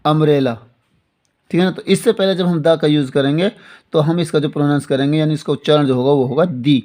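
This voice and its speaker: Man teaching grammar, slow and repetitive. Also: a little high, fairly even intonation, mellow. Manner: slow and repetitive, often asking "theek hai na". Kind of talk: classroom-style lesson explaining in Hindi with English examples.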